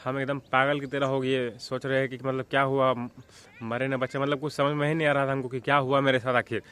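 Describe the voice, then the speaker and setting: A young man from Jharkhand, India, vlogging a casual childhood story in a rambling way, often checking in with the listener and clearing his throat. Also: mid-range voice, flat delivery, brisk, fairly bright tone. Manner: rambling, with frequent filler checks like "theek hai" and "hai na".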